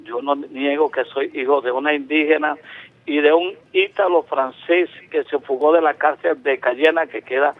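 A Venezuelan man in his seventies phones in to a radio show, his fairly high voice held to a fairly even intonation at a normal speed. He talks at length, with emphasis and many restarts. The tinny phone line carries no echo.

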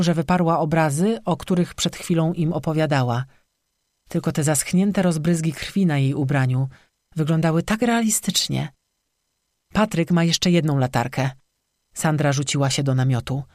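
An audiobook narrator reading a spooky storybook in a steady, measured way, close to the microphone. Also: medium pitch, dry recording.

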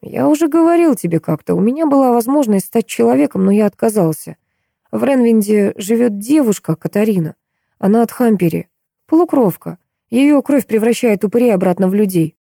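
A woman reading an audiobook, voicing a calm, soothing male vampire. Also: fairly high pitch, a little fast, creaky, no echo, clean studio sound, pitched above the performer's own voice.

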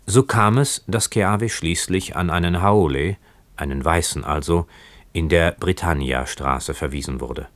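A man narrating a story as an audiobook, in a measured and dramatic manner. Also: very deep voice, a bit bright, no echo. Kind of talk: audiobook reading.

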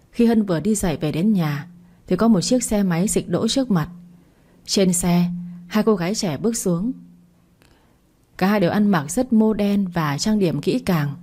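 A woman's voice: lowish voice, mellow. A woman reading a family drama story aloud as narrator, voicing the quoted parts herself with little change.

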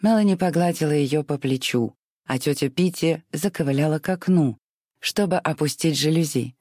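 An audiobook narrator reading a novel in a measured, expressive way. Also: mid-range voice, dry recording, clean studio sound. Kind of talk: scripted narration.

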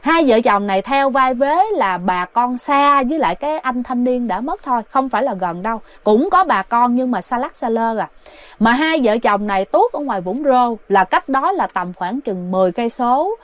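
A woman's voice: on the high side, animated, moderate pace, dry recording. A woman telling a ghost story in a chatty way, talking straight to her listeners. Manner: chatty, addresses listeners directly. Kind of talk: spoken ghost story narration.

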